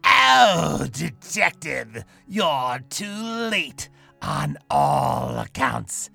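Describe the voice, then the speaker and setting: A man voicing a cruel, gloating ghoulish woman villain in an audio drama, taunting in a drawn-out, gravelly way. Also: fairly high pitch, sing-song, pushed and bright, soft background music, heavily acted.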